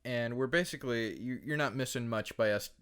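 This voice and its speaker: A man on a podcast talking in a loose, casual way, swearing often as he walks through a monster movie's plot. His voice sits at an ordinary middle pitch, and he is animated and conversational. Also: brisk, clean tone. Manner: swears freely, animated retelling of a film plot. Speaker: podcast co-host.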